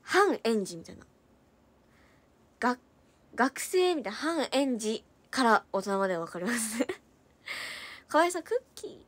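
A young woman idol chatting casually on a livestream, reading out and thanking viewer comments, quick-talking, now and then slipping into a Hiroshima dialect. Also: a little high, very animated. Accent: Hiroshima dialect in places.

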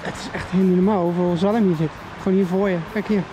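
Outdoors by a river on a road trip, a travel vlogger talks casually to the camera in a high voice with fairly even intonation. He speaks fast, chatty and hesitant with fillers, over loud music in a low-quality recording.

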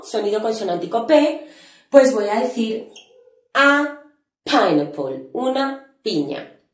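A woman's voice: on the high side, roomy sound. A woman teaching an English grammar lesson online, explaining patiently and stretching out her example words.

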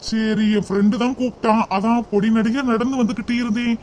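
A devoted, soft-hearted young man from a cartoon short, gently reassuring in a voice pitched very high for a man. A faint noise sits under his lines. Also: steady tone, fairly quick. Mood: earnest. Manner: tender, reassuring.

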